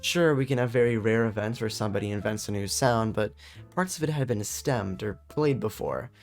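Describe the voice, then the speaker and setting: Low-voiced sarcastic male video essayist. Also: a little fast, faint music behind. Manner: sarcastic, jokey, rhetorical questions. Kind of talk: comedic video essay commentary.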